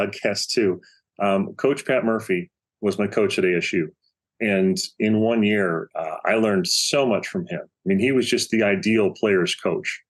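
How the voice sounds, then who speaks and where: A middle-aged man, a baseball coach, telling a story as a podcast guest, acting out the quotes as he goes. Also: fairly low pitch. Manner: animated storyteller, acts out quotes. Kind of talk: storytelling in casual interview.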